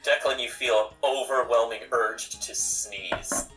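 A man's voice: mid-range voice, steady tone, takes it slowly, pushed and bright, distant mic, soft background music, rough recording. A man narrating a tabletop game casually as game master and host.

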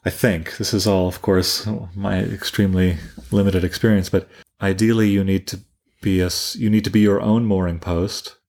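Low-voiced man musing through a book. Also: little pitch movement, normal speed, darkish tone. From Canada. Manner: musing, thinks aloud with restarts. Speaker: podcast co-host. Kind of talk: casual book discussion.

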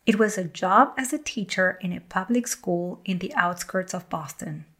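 A woman, hosting her podcast as a communication coach in a calm, measured, gentle way. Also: lowish voice, slightly rough. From Argentina. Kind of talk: scripted podcast monologue.

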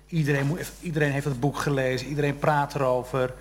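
A man's voice: medium pitch, level tone, fast talker. A male interviewer chatting casually and playfully with a guest, often repeating his words.

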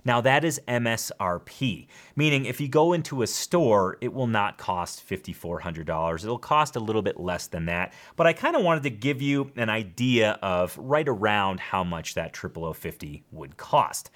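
Animated American man presenting a countdown. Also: on the low side, normal speed, few pauses. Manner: emphatic and enthusiastic. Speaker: guitar show host. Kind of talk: top ten countdown presentation.

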